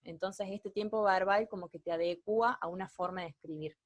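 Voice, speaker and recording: A woman's voice: mid-range voice, steady tone, a little fast, no room sound. A young woman with an Argentine Spanish accent, leading a writing workshop, explaining hesitantly and correcting herself as she goes.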